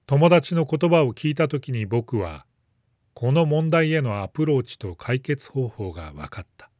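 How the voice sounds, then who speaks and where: Calm man reading a story, dry. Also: medium pitch, moderate pace, no echo, lo-fi sound. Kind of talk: scripted narration.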